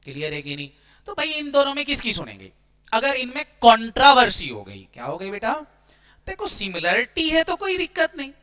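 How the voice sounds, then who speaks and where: A man lectures an accounting class with a high, bright voice that cuts through. He keeps firing quick check-in questions at his students and mixes Hindi with English terms as he explains. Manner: energetic, keeps quizzing students with rhetorical checks. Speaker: accounting teacher.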